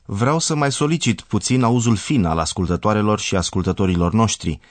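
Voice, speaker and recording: A man presenting a scripted radio language lesson as the professor, explaining clearly and didactically. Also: lowish voice, no room sound. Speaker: language teacher.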